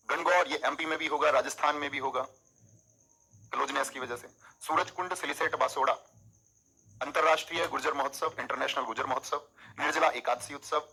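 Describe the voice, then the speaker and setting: Bright, husky male coaching teacher. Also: medium pitch, low-quality recording. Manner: animated, coaxing students with memory tricks. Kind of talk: exam coaching lecture.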